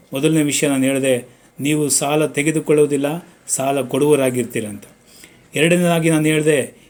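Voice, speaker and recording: A man's voice: mid-range voice, a little mellow. A man, a pastor preaching a sermon with repeated refrains and scripture references.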